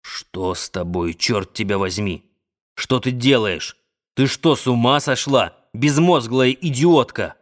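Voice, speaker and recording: A man voicing a forceful, decisive tycoon who barks orders in a hoarse voice. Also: mid-range voice, lively intonation, slow. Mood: enraged. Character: commanding middle-aged tycoon, forceful and decisive.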